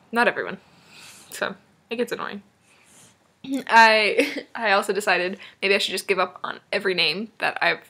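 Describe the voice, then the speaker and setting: Young woman, from Maine, webcam vlog, rambling, giggly, sharp bright tone. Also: medium pitch, vocal fry. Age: young adult. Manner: rambling, giggly, self-deprecating. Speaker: vlogger. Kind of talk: casual chat to a friend.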